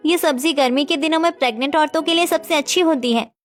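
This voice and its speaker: A woman's voice: high voice, quick pace, faint music behind, pitched above the performer's own voice, lightly acted. A woman voicing a caring young neighbor woman who gives advice in a cartoon story. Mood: concerned.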